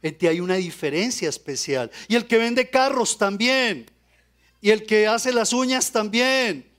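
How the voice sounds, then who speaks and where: High-voiced male preacher. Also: expressive, a bit bright. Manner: asks the congregation quick rhetorical questions; joking, playful asides. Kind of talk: sermon.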